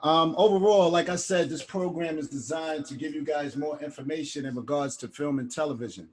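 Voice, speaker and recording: Brief: male instructor, a touch high-pitched, casual lecture over a video call. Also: fairly quick. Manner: casual, keeps adding "right?". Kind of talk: online class lecture.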